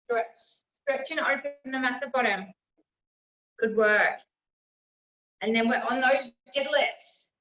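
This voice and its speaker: Female fitness instructor, high-pitched, encouraging, calling out exercise cues; roomy, distant recording. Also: takes it slowly, pauses often, sharp tone. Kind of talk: live workout coaching with encouraging cues. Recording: roomy, distant mic, slightly dull.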